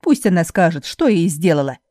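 A woman voicing a spiteful young laundress who loudly taunts and mocks her rival in an audiobook. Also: sing-song, fairly quick, no room sound, studio quality. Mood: jeering. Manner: loud, mocking, shrill taunting.

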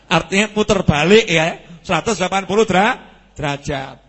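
Speaking at a normal speed in a slightly rough voice that sits high, a man gives an Islamic study sermon at a mosque gathering. His storytelling is lively, with acted-out dialogue and frequent questions for the audience.

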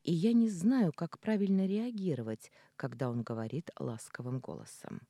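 Audiobook narrator, dramatic first-person reading, mellow tone, dry close recording. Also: mid-range voice, moderate pace, no echo.

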